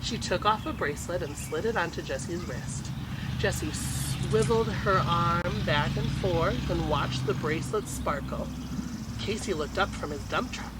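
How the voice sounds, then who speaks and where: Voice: medium pitch, measured pace. A storytime host reading a children's picture book aloud expressively, on a noisy home-made recording. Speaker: storytime reader.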